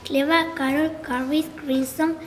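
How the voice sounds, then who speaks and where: A woman presenting a scripted school radio show, reading slowly and carefully. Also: sits high, fairly even intonation. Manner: slow, careful, deliberate reading. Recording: long reverb with faint music.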